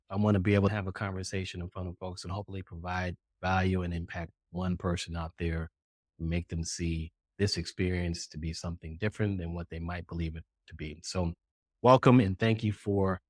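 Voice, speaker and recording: This is a middle-aged American man hosting a podcast interview, his low voice captured in a dry recording. He comes across upbeat and effusive, keeping things casual and conversational.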